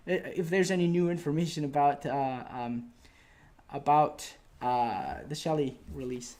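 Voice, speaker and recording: Guy with highish voice presenting at a meetup, stumbly and hesitant, roomy echo. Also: steady tone, a little mellow. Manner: hesitant, halting, repeating words. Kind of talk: informal presentation and Q&A. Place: indoor meetup room. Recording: echoey room recording.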